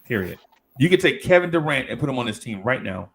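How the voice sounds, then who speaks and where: A man's voice: medium pitch, very animated, quick pace, vocal fry, fairly bright tone, a little hiss or hum. A middle-aged man in a casual podcast chat, talking emphatically and teasing the others. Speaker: podcast panelist.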